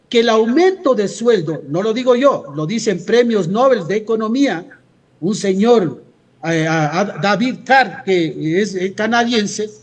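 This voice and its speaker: A man with an Ecuadorian accent and a very high-pitched voice, giving an argumentative interview as a labour leader. He speaks insistently, driving points home with rhetorical questions that he answers himself. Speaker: trade union leader being interviewed. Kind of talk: radio interview, argumentative commentary.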